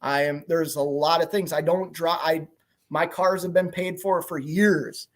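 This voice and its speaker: A truck owner-operator in his forties chats candidly on a livestream, rambling as he reads and answers viewer comments and repeatedly saying "you know what I mean." His voice is on the high side, fairly even in intonation and a little slow.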